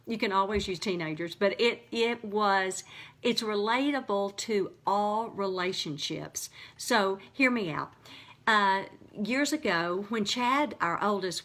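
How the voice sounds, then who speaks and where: A middle-aged woman talks straight to her viewers as host of her own show. She tells her story with animated swings of pitch, often restarting her sentences as she goes. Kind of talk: casual talk to camera.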